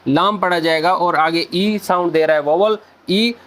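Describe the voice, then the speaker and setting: A man hosts a casual video lesson on Korean pronunciation, addressing viewers as friends and slowly spelling out sounds. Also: high-pitched, a bit bright. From Pakistan. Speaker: Korean language teacher, channel host.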